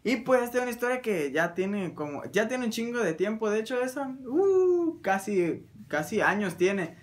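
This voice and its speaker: Man, Mexican accent, comic anecdote, crude slang, animated, exaggerated delivery. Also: high voice, moderate pace. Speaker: storyteller.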